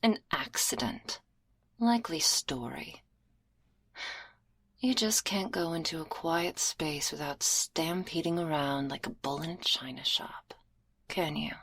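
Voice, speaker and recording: In an intimate ASMR roleplay recorded on a close binaural mic, a woman plays a stern, teasing, domineering school librarian who scolds sarcastically in a half-whisper. Her delivery is heavily acted, a little slow, low-pitched, slightly rough and a bit bright.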